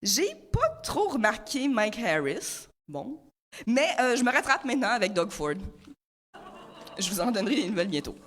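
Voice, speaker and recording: A woman's voice: fairly high pitch, big pitch swings, normal speed, a bit bright. A 26-year-old woman with a Franco-Ontarian accent delivering a playful, rhyming comic chronicle full of wordplay. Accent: Franco-Ontarian French. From Ontario, Canada. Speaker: comic columnist. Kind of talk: humorous rhyming spoken chronicle.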